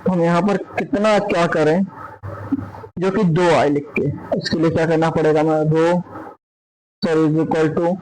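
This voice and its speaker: A man's voice: a little high, a little mellow, slight background noise, low-quality recording. A man explaining a spreadsheet formula step by step, often putting questions to the viewer. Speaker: Excel tutor. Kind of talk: screen-recorded software tutorial.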